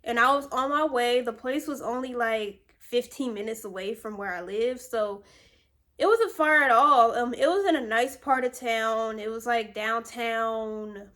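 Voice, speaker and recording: A woman in her twenties from Virginia chats her way through a personal story. Her voice sits a little high, and her telling is loose and rambling, packed with fillers and side comments. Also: measured pace, fairly bright tone. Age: 20s. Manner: rambling and chatty, with many fillers. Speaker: vlogger. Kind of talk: casual storytime.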